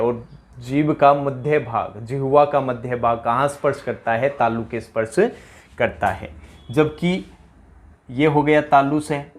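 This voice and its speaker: A male teacher giving a pronunciation lesson, drilling students with repeated questions. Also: mid-range voice. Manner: drills with repeated questions, mimics rural dialect speakers for laughs.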